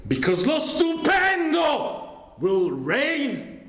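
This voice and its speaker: A man's voice: very high voice, huge pitch swings, extremely slow, fairly bright tone, reverberant. A man cutting a grandiose, boastful wrestling promo, showy and theatrical. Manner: grandiose, showy, mixes languages.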